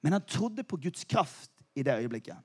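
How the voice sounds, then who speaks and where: A man's voice: a little high, breathy edge. A middle-aged man preaching a sermon, telling a family story with humor and surging intensity before turning to earnest appeals. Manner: animated storytelling with humor, voice surging when excited. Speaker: pastor.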